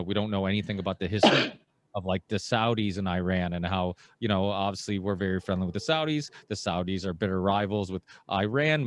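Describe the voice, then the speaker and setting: A man in his thirties, a podcast host born in Portugal, talking in an animated, rambling way with mocking asides, on a headset and studio mic in a small home studio. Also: on the low side, no room sound. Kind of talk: casual interview chat. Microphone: headset and studio microphone on boom arm.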